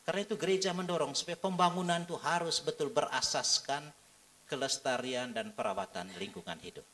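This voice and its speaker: Earnest high-voiced priest. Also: male voice, a bit bright, low-quality recording. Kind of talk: pastoral talk on a panel.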